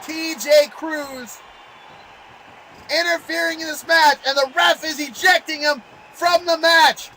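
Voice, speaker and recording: A man calling play-by-play as a wrestling commentator, excitable and exclamatory in his delivery. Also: very high-pitched, slow pace, slight background noise.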